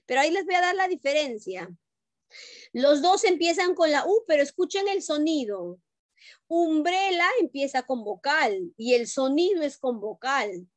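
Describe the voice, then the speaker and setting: A woman's voice: sits high, dry recording. A woman teaching English to young children in an online class, patiently repeating herself and asking if they understand. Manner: patient, repetitive, checks understanding with questions; calls children pet names. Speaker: primary school English teacher.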